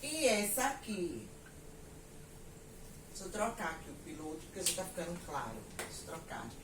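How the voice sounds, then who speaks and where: A woman teacher with a Pernambuco accent gives a lesson, dictating words and sentences slowly. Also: on the low side, sing-song, noisy background. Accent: Pernambuco Portuguese. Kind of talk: recorded classroom lesson. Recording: echoey room, mic at a distance, faint ambience.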